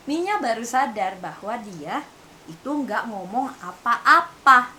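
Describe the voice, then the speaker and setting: A woman's voice: fairly high pitch, slow pace. A young woman from Indonesia telling a personal story to camera, casually mixing in English phrases. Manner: mixes in English phrases, refers to herself by name, animated retelling. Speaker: vlogger. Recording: faint hiss.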